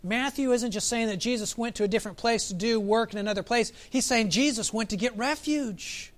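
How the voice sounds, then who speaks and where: A man preaching a sermon as pastor, reflective, asking his listeners questions and slowing down for emphasis. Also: extremely high pitch. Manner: reflective, asks the congregation questions, varies pace for emphasis.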